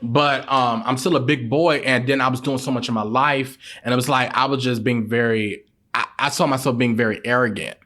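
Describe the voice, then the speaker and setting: Animated man telling a story on a podcast. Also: a little fast. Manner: animated, emphatic, leaps up in pitch when excited; repeats words while gathering thoughts. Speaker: podcast guest, celebrity publicist.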